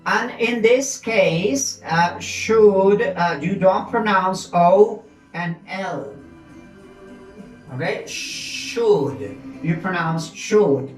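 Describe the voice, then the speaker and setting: A woman teaching an English grammar lesson, explaining slowly and switching between English and as she drills words. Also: mid-range voice, reverberant, soft background music, poor audio.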